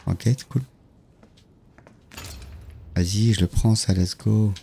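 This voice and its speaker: A man live-streaming a horror game, chatting with viewers in a jokey, lively way and greeting them one by one. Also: on the low side, takes it slowly, gravelly, a little hiss or hum.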